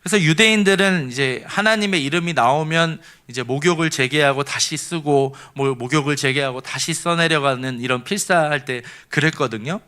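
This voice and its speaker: A man from Seoul preaching as a pastor, his voice sitting somewhat higher than most men's. He explains the text earnestly, step by step, and now and then asks the congregation to read or repeat lines with him. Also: moderate pace, few pauses, bright, forceful tone, clean tone. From Seoul, South Korea. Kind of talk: sermon.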